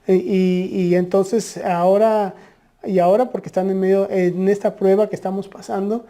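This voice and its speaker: Dark-voiced woman preaching earnestly. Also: mid-range voice, level tone, moderate pace. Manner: earnest, many restarts and filler "eh". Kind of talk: conversational preaching.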